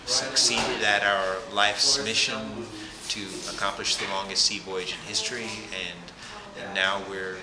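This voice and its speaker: Low-voiced man in echoey noisy room. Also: steady tone, a little slow, few pauses, over a noisy crowd. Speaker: interviewee, sailor. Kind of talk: casual interview. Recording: echoey room, loud party noise.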